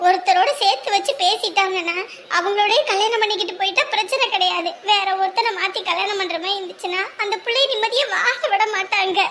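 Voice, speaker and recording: A woman's voice: extremely high pitch, bright, forceful tone. An actress playing an anxious, self-pitying village mother, scolding and lamenting in a drama.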